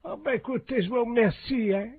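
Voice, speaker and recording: High-pitched thankful older wife put on by a man, phone line. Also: a little fast, breathy edge, no room sound, full character voice. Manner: thankful, chatty. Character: older woman, the patient's grateful wife.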